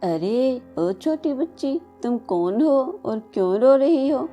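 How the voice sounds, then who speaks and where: A woman voicing a kind, motherly bulbul bird in a cartoon, with a gentle, caring manner. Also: high-pitched, expressive, slow pace, faint music behind.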